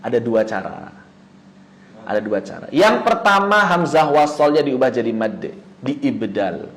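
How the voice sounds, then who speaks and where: A man teaching Quran recitation rules in an online lesson, who poses questions and answers them himself, chanting example words slowly. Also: mid-range voice, sing-song, poor audio. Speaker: tajwid teacher.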